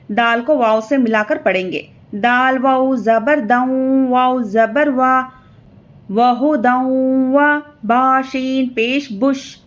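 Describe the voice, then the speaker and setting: A woman teaching Quran reading, spelling syllables slowly and drawn out, with quick explanations of the rules in between. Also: high-pitched, highs cut off. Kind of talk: slow letter-by-letter spelling lesson.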